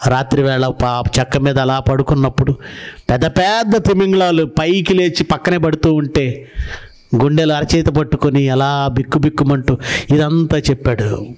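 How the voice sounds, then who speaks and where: A man's voice: on the high side, moderate pace, a little mellow. A man preaching a sermon, telling stories and asking his listeners rhetorical questions. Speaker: pastor.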